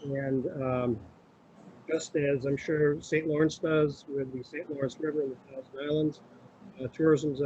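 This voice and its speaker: A middle-aged man, a county administrator, giving a formal, halting presentation to a committee over a crackly remote phone line that fades in and out. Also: on the high side. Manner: halting, with many filler sounds. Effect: crackly remote phone line, fading in and out.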